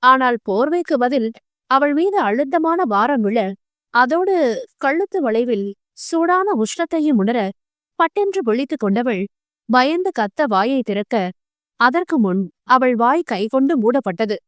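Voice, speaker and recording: A woman narrating an audio novel in a steady storytelling manner. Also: sits high, measured pace, no room sound, clean studio sound. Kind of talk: scripted narration.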